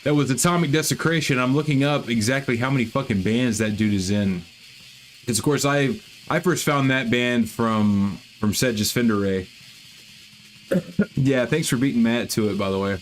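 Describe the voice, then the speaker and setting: A man's voice: medium pitch, normal speed, slight background noise. A man hosting a casual livestream, chatting loosely about metal bands with lots of swearing and restarts. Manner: profane, rambling, self-deprecating. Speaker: livestream host.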